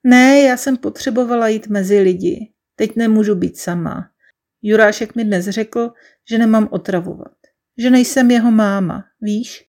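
A woman's voice: fairly high pitch, a little mellow, close to an everyday voice. Woman doing a tearful, sobbing young woman. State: sobbing, crying. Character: shy, tearful woman around thirty.

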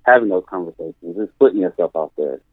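Here the same kind of speaker, a male therapist from California, guests on a conversational interview, earnest and emphatic, circling back to his key phrases. He has a low, husky, expressive voice and a quick pace. The recording has no room sound and comes through thin, like a phone line.

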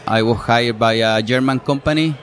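A middle-aged fruit specialist from Chile, speaking with a Chilean Spanish accent, answers interview questions in a relaxed way at an outdoor farm show. He explains his work with frequent fillers and restarts, in a mid-range, slightly bright voice at normal speed.

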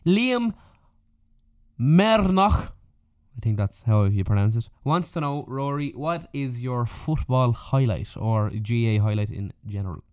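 A man's voice: mid-range voice, animated, unhurried, a little mellow, clean tone, no room sound, clean studio sound. A man in his early twenties with an Irish accent, casually putting questions as a podcast co-host. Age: early 20s. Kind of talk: casual chat.

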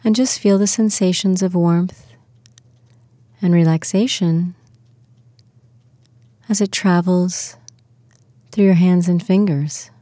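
A woman leading a guided muscle relaxation and visualization, speaking in slow, soothing, soft-spoken instructions. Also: on the low side, fairly even intonation, no echo, clean studio sound.

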